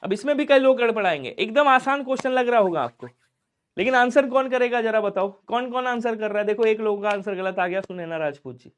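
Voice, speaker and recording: A young man teaching an online exam-prep class, lively and coaxing, quizzing his students and acting out their replies. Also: sits high, a little fast, smooth. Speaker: Hindi teacher.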